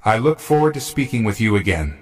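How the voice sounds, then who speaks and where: A man voicing a mysterious masked male recruiter for villains, calm and knowing. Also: on the low side, fairly quick, breathy edge. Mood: composed.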